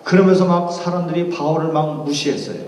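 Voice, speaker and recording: A man's voice: on the high side, steady tone, a little fast, darkish tone. A man preaching a sermon, retelling a Bible story with emphatic, dramatic delivery. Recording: echoey hall, distant mic.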